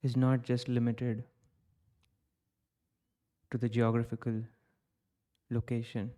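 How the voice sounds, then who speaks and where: A man from India, guiding a reflective contemplation in slow, short phrases with long pauses. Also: mid-range voice, little pitch movement, warm tone. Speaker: contemplation guide. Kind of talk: guided contemplation.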